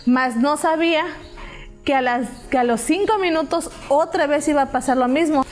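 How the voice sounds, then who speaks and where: A woman's voice: sits high, moderate pace, faint music behind. A mother giving a personal testimony in church, retelling conversations with hesitant fillers.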